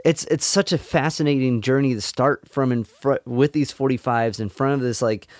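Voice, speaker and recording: A man hosting an interview, talking in an enthusiastic, halting way with many fillers. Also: mid-range voice, fairly even intonation, no room sound. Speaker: interview host. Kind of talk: casual interview.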